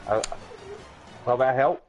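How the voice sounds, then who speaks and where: A man's voice: mid-range voice, slow, lo-fi sound, soft background music. A man co-commentating a sim racing league, chatty and finishing his partner's calls.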